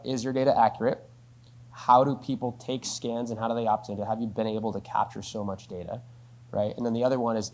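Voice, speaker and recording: A company spokesperson with a fairly low, slightly mellow voice answers a business question in a conversational Q&A. He explains things step by step, often ending sentences with "right?".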